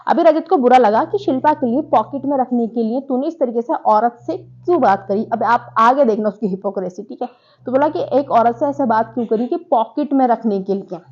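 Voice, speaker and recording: Animated woman giving a reality show recap. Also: a little high, dull audio. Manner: animated retelling, acts out quoted lines. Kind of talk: casual commentary.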